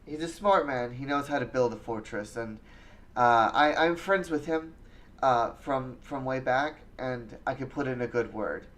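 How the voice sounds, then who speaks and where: Eager smooth-talking lady politician in a dnd game, a guy doing her, keeps restarting lines. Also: mid-range voice, measured pace, a bit bright, lightly acted. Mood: persuasive. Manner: eager, persuasive, hesitant restarts.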